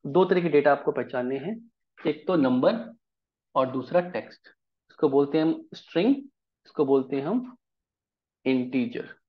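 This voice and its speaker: A man's voice: medium pitch, expressive, normal speed, long pauses, lo-fi sound. A man teaching a programming lesson in Hindi, explaining step by step and often checking whether the class follows. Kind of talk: live coding lesson.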